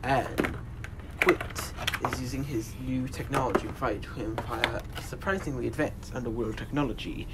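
A man's voice: medium pitch, normal speed. A man narrating a homemade fantasy adventure story as its storyteller. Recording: noisy homemade recording.

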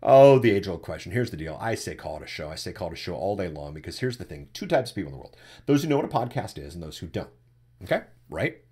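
A man in his forties with a deep, husky voice talks fast while hosting a live webcast from his desk, answering chat questions about podcasting as a podcasting coach. He's animated and repeats words when starting a thought, framed by a webcam and speaking into a desktop USB microphone.

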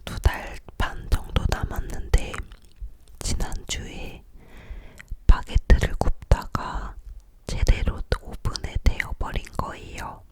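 A young woman leaning in close to the microphone to whisper, giving a breathy, unvoiced ASMR chat about her life. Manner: slowly repeats words as soft trigger sounds. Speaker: ASMR video creator.

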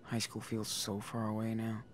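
A man playing a weary, caring teenage big brother in a video game, musing to himself in a low-key way. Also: completely flat delivery, normal speed, slight background noise, close to an everyday voice.

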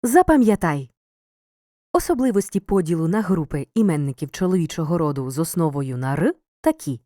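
A woman reading a scripted grammar lesson as the teacher, saying word forms slowly and clearly for dictation. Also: sits low, expressive, dark tone, no room sound.

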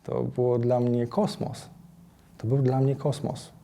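A man's voice: medium pitch, level tone, a little slow, creaky, dark tone, slight background noise. A young man speaking earnestly and matter-of-factly in a documentary interview.

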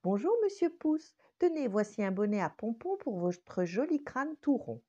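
Older woman playing curious index finger man, high, chirpy, polite, storybook, dull recording. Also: very animated, moderate pace, mellow.

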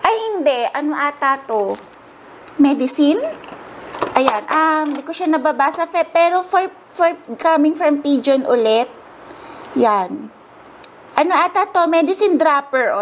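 A young woman from the Philippines talks through gifts at home in a high voice full of excitement. She gushes, squeals and laughs easily. Faint room ambience sits under her casual chat. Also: a little hiss or hum. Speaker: vlogger. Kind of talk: casual unboxing haul chat.

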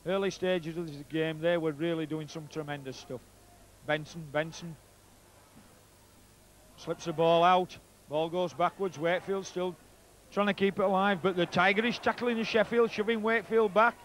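A man's voice: high-pitched, fairly even intonation, normal speed, fairly bright tone. A middle-aged man with a Yorkshire accent giving live rugby league match commentary. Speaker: co-commentator, former player. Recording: outdoor match noise behind commentary. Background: stadium ambience and crowd.

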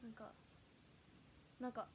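A woman in her early twenties hosting a casual livestream, chatting and reading fan comments aloud, her voice flipping upward when she gets loud. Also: measured pace. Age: early 20s. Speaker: idol livestream host.

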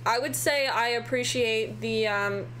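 A woman's voice: fairly high pitch, a little slow, fairly bright tone, a little hiss or hum. A young woman streamer chatting on a dating show in a laid-back, hesitant way, with many fillers. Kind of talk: casual stream chat. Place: gaming room at home.

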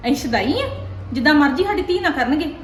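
A woman with a Punjabi accent acting a mother in a family drama, wailing, cursing and scolding loudly. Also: sits high, animated, fast. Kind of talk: Punjabi web-series acting. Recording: roomy echo with faint music.

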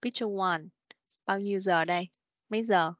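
With a medium-pitched voice and no echo, a woman teaches English to children in an online class. She corrects their pronunciation patiently, goes over words slowly again, and frequently says "rồi, ok"; the audio comes from a dull, dry, lo-fi video call meeting.

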